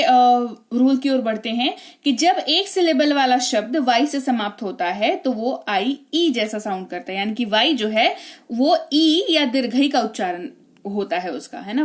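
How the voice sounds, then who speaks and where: A woman's voice: a little high, expressive, measured pace. A woman teaching English reading rules in a chatty way, often checking with the listener. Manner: chatty, keeps checking with "ठीक है?" and "है ना?". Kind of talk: explaining reading rules in a lesson.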